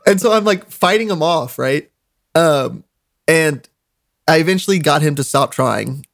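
A man's voice: fairly high pitch, animated, a little slow, gravelly, a bit bright, no room sound, studio quality. A young man casually telling a story on a stream, laughing often, swearing, with lots of "like" fillers.

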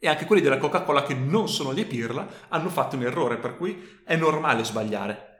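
A man's voice: medium pitch, lively intonation, fairly quick, fairly bright tone. A man with a mid-range voice talks casually and emphatically as a podcast co-host. His colloquial speech is picked up by a tabletop mic in a reverberant room at home. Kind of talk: casual, colloquial advice chat. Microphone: microphone on a tabletop stand. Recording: roomy, echoey home recording.

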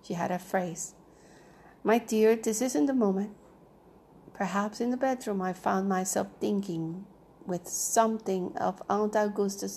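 A woman narrating a novel aloud in a measured, even reading style. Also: mid-range voice, vocal fry, slight background noise. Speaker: audiobook reader.

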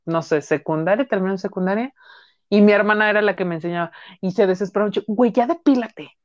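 A young Mexican woman in casual, profane chat, telling animated stories. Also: medium pitch, fast talker, no echo. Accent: Mexican Spanish. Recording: dull lo-fi sound.

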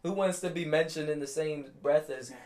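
A man's voice: fairly high pitch, normal speed, darkish tone. A man in casual sports debate, blunt and opinionated, with slangy phrasing. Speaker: guest sports fan and barber. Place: echoey room during a haircut. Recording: roomy echo, electric razor buzz.

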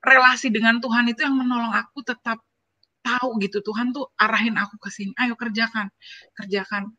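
A woman's voice: fairly high pitch, fast talker, no echo, highs cut off. A woman in her forties, a university lecturer, telling personal stories in an interview. She speaks with emotion and keeps turning to address the host. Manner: emotional, animated storytelling that often turns to address the host. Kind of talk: personal storytelling in a conversational interview.

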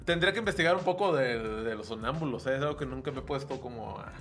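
A man with a Mexican Spanish accent, co-hosting a podcast in relaxed, rambling casual chat full of fillers. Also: mid-range voice, quick pace. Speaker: podcast co-host.

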